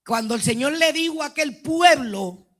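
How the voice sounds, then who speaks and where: A woman with a Puerto Rican accent giving a fervent personal testimony in a church class, swinging from hushed tones to near-shouting. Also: sits high, expressive, normal speed.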